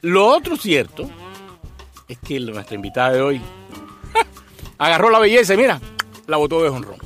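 Un hombre copresentador de un programa de charla, bromista y teatral, con acento cubano. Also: male voice, fairly high pitch, wildly swooping pitch, normal speed, a bit bright, soft background music. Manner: joking, theatrical, flirtatious. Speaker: co-host. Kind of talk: playful talk show banter.

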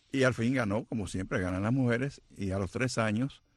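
An older man from Honduras, a radio interview guest, recounting his life in a relaxed storytelling way. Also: mid-range voice, normal speed, no room sound. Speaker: guest, television producer.

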